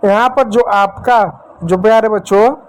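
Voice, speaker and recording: Guy teaching beginners, kinda high voice, calls everyone dear kids, goes slow on each word. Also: steady tone, smooth, low-quality recording. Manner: patient, addresses viewers as dear children, spells words out slowly. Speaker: English teacher. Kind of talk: spoken lesson for beginners.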